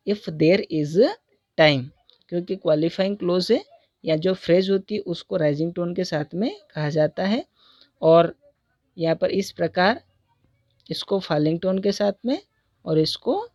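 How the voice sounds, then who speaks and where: A male teacher with an Indian English accent works through a grammar lesson and stretches out each English example at a very unhurried pace. The recording is dull and slightly lo-fi, with a close, dry sound and no room echo. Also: on the high side, darkish tone. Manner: slow, deliberate reading of English example sentences. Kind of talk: recorded Hindi-medium lesson on English intonation.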